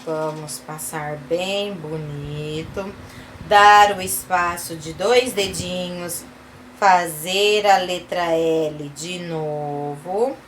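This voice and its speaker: A woman teacher with a Brazilian Portuguese accent, giving a recorded literacy lesson to young children and sounding out letters and syllables slowly. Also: fairly low pitch, a little hiss or hum. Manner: slow, sing-song, sounding out letters and syllables. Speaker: kindergarten teacher.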